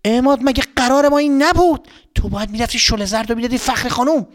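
A man's voice: very high-pitched, pitched above the performer's own voice. A man voicing a fussing mother. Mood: reproachful. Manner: worried, nagging. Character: fussing mother of a young boy.

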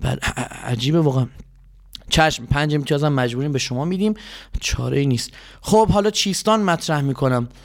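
A man hosting a children's quiz show, patient and polite but flustered by his contestants. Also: a little high. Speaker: quiz host.

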